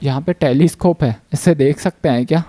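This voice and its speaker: A man giving playful, jokey gameplay commentary as a gaming channel host, with sudden bursts of yelling. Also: on the high side, brisk, faint music behind.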